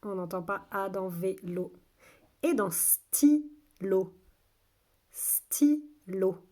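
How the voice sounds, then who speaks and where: A woman teaches a phonics lesson for young children at a slow, patient pace. She says each word twice, drawing out the sounds with exaggerated care, in a voice of ordinary middle pitch. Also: fairly even intonation. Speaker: kindergarten teacher.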